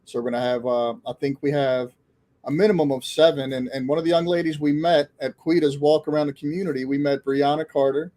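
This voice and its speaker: Flat-voiced man co-host, low and mellow. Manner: halting, many fillers and restarts. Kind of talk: casual live conversation.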